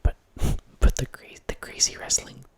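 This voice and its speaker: A host in his thirties whispers a rambling ASMR piece about horror films into a close studio mic, headphones on, in a small room at home. His measured, soft, breathy delivery stays loose throughout, with many restarts and small self-corrections.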